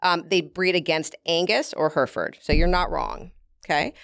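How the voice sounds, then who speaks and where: A woman with a lowish voice talks through her work in a relaxed interview, going into detail and breaking into easy laughs. The sound is close and dry, with no room around it. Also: normal speed, creaky, no echo. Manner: explains at length, laughs easily. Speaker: guest from a beef producer. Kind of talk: casual interview talk.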